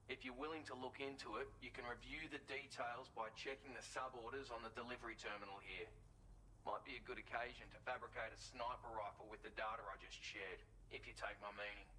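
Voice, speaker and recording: A male actor playing a seasoned former gunman in a video game, a helpful mentor who instructs in a measured, folksy way. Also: medium pitch, sharp tone, slight background noise, lightly acted, rough recording. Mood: folksy, conspiratorial. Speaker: game character, weapons expert giving briefings. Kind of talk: scripted video game dialogue.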